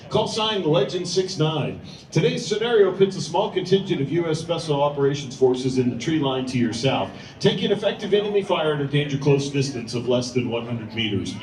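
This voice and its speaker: A man's voice: a little high, a little mellow. A man giving emphatic, scripted airshow commentary like an announcer over a public address system. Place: outdoor airshow over loudspeakers. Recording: echoey PA, heard from far off.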